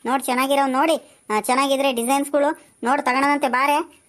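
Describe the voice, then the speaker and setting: A bossy village woman, played by a woman, nags and teases. Her voice sits high and carries a bright edge. It is a homespun village comedy skit. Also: fairly even intonation, a little fast. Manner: nagging, teasing back-and-forth chatter. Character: chatty, bossy village woman shopping for saris.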